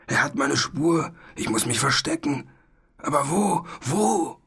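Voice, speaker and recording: Storybook dragon, tiny and fretful, whiny worried voice, from a male narrator, husky and bright. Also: medium pitch, lively intonation, very slow, exaggerated voice. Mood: frightened. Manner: wailing, fretful.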